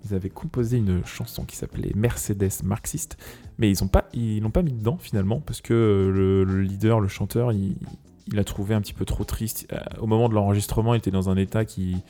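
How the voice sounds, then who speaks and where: Low mellow-voiced man rambling about music. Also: steady tone, a little fast. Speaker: podcast co-host presenting tracks. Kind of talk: casual music chat.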